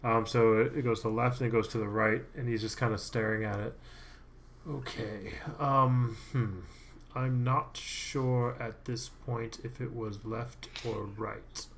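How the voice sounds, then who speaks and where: A man guides the players through a tabletop adventure, relaxed and chatty. His voice sits at an ordinary middle pitch, and he keeps breaking into laughter between descriptions. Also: unhurried, a little hiss or hum. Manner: easygoing, laughs often, many fillers. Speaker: game master. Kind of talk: narrating a tabletop game.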